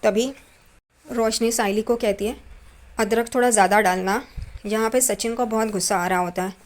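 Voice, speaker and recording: A woman's voice: on the high side, normal speed, a little mellow. A woman narrating a recap of a TV serial episode. She walks through each scene in order and closes every quoted line with a trailing tag. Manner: retells scenes step by step, tagging quotes with a trailing "karke".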